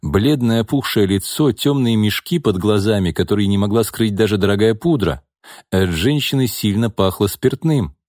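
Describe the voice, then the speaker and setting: Low-voiced male audiobook narrator. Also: expressive, normal speed, a little mellow, no echo, clean studio sound. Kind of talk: scripted narration.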